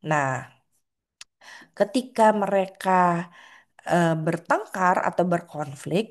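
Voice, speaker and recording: Conversational woman preaching a sermon. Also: lowish voice. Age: adult with a child. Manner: conversational, acts out quoted voices.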